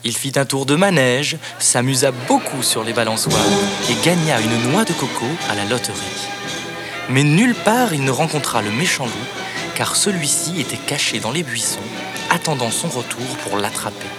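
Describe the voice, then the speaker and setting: A man narrating a children's storybook cassette in a lively, expressive read-aloud voice. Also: mid-range voice, normal speed. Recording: cassette narration over background music.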